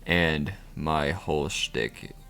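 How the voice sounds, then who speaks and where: A man's voice: rumbling low, drawn-out words, creaky, a bit bright, faint music behind, exaggerated voice. A man reading aloud the sarcastic narration of a dating game, with a dry, sardonic delivery.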